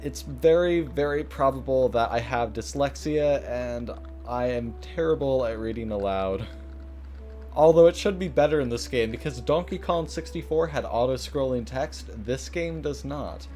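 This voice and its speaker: A man's voice: medium pitch, darkish tone, soft background music. A man hosting a let's play with casual, rambling, self-deprecating gameplay commentary. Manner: rambling, self-deprecating, halting when reading.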